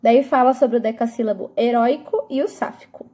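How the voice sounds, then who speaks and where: A woman's voice: a little high, a little fast, warm tone. A woman teacher giving a review lesson to eighth graders, explaining patiently and often stopping to check that the students follow. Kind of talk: recorded classroom review lesson.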